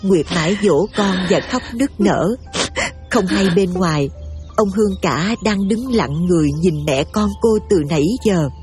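A woman giving steady, emotive scripted story narration over faint music. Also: fairly low pitch.

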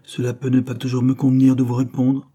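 A man reading a proud, fierce young governess, a woman, in an audiobook, with sharp, defiant retorts. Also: mid-range voice, monotone, quick pace, husky, pitched above the performer's own voice, lightly acted. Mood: cool, haughty.

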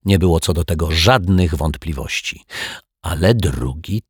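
Very husky, deep-voiced male storyteller. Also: lively intonation, a little slow, no room sound, clean studio sound. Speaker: narrator. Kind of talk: audiobook storytelling.

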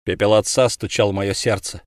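A man voicing a grim young male hero in a storybook reading, low, hushed and steady. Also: fairly quick, no room sound, clean studio sound, natural voice.

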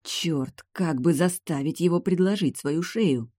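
A woman's voice: lowish voice, measured pace, dark tone, breathy edge, no echo, studio quality. A woman voicing a cold scheming vampire woman. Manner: cold, curt, sarcastic.

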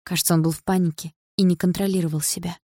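A woman narrating a story in an expressive, emotional audiobook reading. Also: on the low side, fast talker, no room sound, studio quality.

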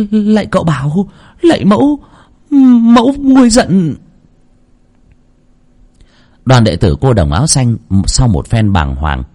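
A man narrating a horror story with dramatic, expressive delivery. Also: mid-range voice.

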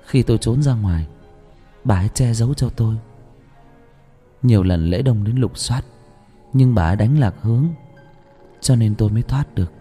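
Husky, dark-voiced male ghost-story narrator. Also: on the low side, moderate pace, long pauses. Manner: dramatic, rising into anguished shouts. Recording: reverberant with background music.

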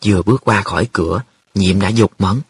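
Husky male storyteller. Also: low voice, fairly quick, no echo. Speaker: audiobook narrator. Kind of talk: storytelling narration.

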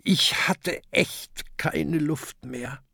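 A man reading a children's audiobook, voicing a small, exhausted dragon whose voice is hoarse. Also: on the high side, drawn-out words, bright, forceful tone, dry recording, studio quality, pitched above the performer's own voice, exaggerated voice.

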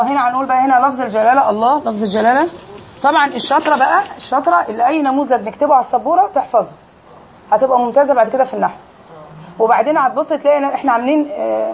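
A woman's voice: sits high, rapid-fire, gravelly, a little hiss or hum. A woman with an Egyptian accent teaching an Arabic grammar lesson in a classroom, quizzing her students and drilling them on each answer.

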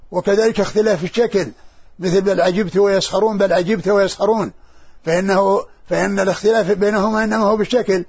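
Gravelly-voiced sheikh giving a halting lesson. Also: male voice, high-pitched, highs cut off. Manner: halting, with many restarts and repeated syllables. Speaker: sheikh teaching hadith. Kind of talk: scholarly lesson commentary.

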